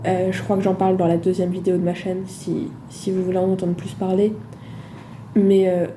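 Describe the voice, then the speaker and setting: A loud-spoken woman talking casually to her phone camera in a vlog, with emphatic rhetorical questions and frequent hesitations. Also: fairly low pitch, completely flat delivery, normal speed, slight background noise. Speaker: vlogger.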